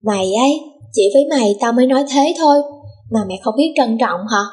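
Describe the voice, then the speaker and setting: A woman's voice: on the high side, a little fast, darkish tone, lightly acted. Woman doing a sassy blunt bestie, kinda sulky, storybook. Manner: brash and sulky. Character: young woman best friend, sassy and blunt.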